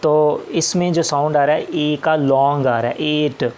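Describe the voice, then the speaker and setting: A man's voice: a little high, steady tone, unhurried, a little mellow, highs cut off, slight background noise. A man teaching shorthand step by step, patient and repetitive, often opening with "ji". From Pakistan. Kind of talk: slow step-by-step classroom explanation.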